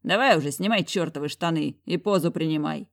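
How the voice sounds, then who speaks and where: A woman's voice: sits low, a little fast, gravelly. A woman voicing a huge, brash billionaire boss who teases and orders people around in an audiobook. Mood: bossy teasing. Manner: teasing, bossy, coarse.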